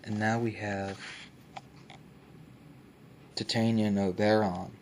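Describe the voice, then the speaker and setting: Low, creaky-voiced man doing soft ASMR. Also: little pitch movement, slow pace, a little hiss or hum. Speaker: ASMR host. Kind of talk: soft ASMR book show-and-tell, often dropping to a whisper.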